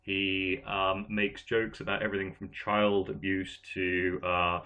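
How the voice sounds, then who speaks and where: A man's voice: low-pitched, level tone, a little slow, sharp tone, muffled recording. A man who is half Irish and half English hosts a casual panel chat, talking animatedly with an English accent and an Irish lilt. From Ireland and England. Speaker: podcast host.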